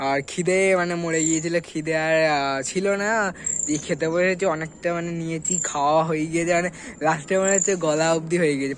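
A man's voice: on the high side, a little hiss or hum. A man chatting casually to camera in a vlog, rambling with lots of fillers. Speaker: vlogger. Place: outdoors and indoors, on the move.

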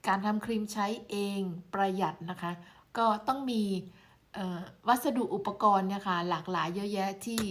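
A woman from Thailand chatting casually in a vlog as she shows and reviews homemade skin creams, exclaiming over each one. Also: on the low side. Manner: chatty, exclaiming while showing products. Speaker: beauty product reviewer.

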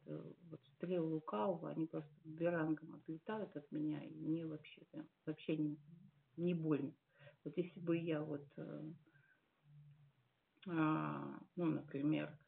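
A woman in her late forties giving a heartfelt church testimony, earnest and musing, with many pauses and fillers. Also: sits low, creaky. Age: 40s. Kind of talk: personal testimony at a service. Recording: tinny phone-like sound.

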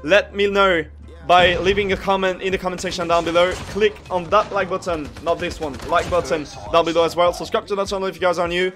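A young Frenchman with a French accent talks casually into a headset mic, his voice sitting a bit high for a man. He rambles and gropes for words now and then. Music runs clearly underneath. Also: steady tone, fairly quick, few pauses, fairly bright tone. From France. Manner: chatty, searches for words, loses his thread. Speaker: esports caster and streamer. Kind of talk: casual commentary over gameplay. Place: indoor room, gaming chair.

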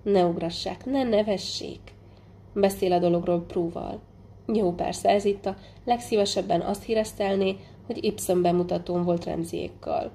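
A woman reading a literary novel aloud as audiobook narration, measured and unhurried, with small slips and restarts. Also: fairly low pitch, fairly even intonation, mellow, a little hiss or hum. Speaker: audiobook reader.

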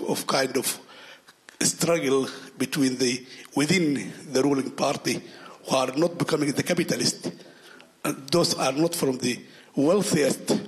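A man, from Sudan, asking a long question in a conference hall, stumbling over repeated words. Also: medium pitch. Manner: halting, many repeated words and restarts. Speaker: audience member asking a question.

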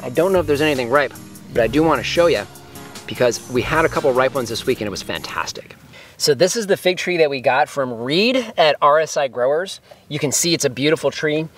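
A man's voice: mid-range voice, animated, a little fast, faint music behind. A man giving a casual, enthusiastic walkthrough of his fruit trees outdoors, sometimes talking while eating. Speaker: homesteading vlogger. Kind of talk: casual garden walkthrough to camera. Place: outdoors in an orchard.

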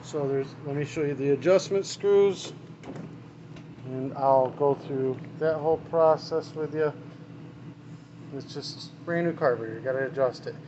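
A man with a voice on the high side talks a little slowly as he does a hands-on small engine repair, chatting casually while he works. He's off-frame on a camera mic, the audio is dull, and engine and shop noise run through the workshop.

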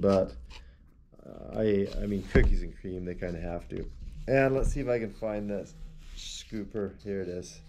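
A man in his forties reviews protein powder to camera from a desk in a small room lined with shelves of supplement tubs, shot in wide framing. His fairly low, warm voice rambles along easygoingly as he handles the tub and shaker.

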